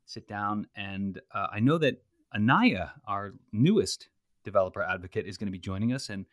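A man hosts a podcast in a relaxed, chatty way, with a lowish voice. The sound is dry and close. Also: moderate pace, dry recording. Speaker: podcast host. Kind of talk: casual podcast chat.

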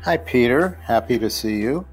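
A man's voice: medium pitch, expressive, moderate pace, faint music behind. A man speaking as a doctor on a podcast, explaining medical matters conversationally.

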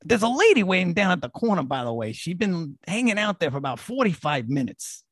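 A woman playing a wry, deadpan interviewer. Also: fairly low pitch, brisk, breathy edge, no room sound, studio quality.

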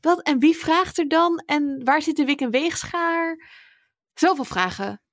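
Dutch woman hosting a podcast, kinda high voice, dry close mic, lively. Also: measured pace, dry recording. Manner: lively, asks the questions. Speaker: podcast co-host. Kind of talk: casual chat.

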